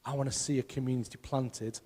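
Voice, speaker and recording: A man's voice: mid-range voice, steady tone, a little fast, long reverb tail, heavy background noise. A man preaching a sermon as pastor, emphatic and putting rhetorical questions to his congregation. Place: church hall.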